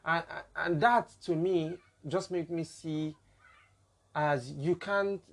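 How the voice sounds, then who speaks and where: A man's voice: a little high, takes it slowly. A man with a Nigerian accent hosting a casual podcast discussion, building his points through examples. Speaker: podcast host.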